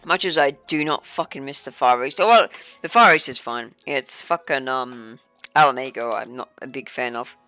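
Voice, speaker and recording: A woman's voice: rumbling low, normal speed, sharp tone, no room sound, soft background music. A woman streamer chatting casually during a game stream, rambling, offhand and profane. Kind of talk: casual gaming stream chat.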